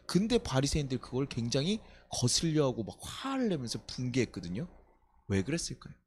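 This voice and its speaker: A male pastor preaching a sermon at a night worship service, conversational and animated, asking the congregation rhetorical questions and briefly acting out quoted voices. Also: mid-range voice, brisk, slight background noise. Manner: acts out quoted voices in short snaps.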